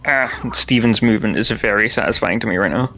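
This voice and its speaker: A man's voice: on the low side, fast, pushed and bright, faint music behind. A young man chatting casually as co-commentator of a video game speedrun race.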